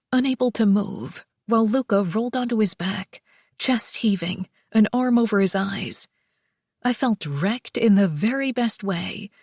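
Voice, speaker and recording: A woman narrating a first-person romance audiobook, soft and slow, with breathy whispered passages. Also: medium pitch, dry recording, studio quality.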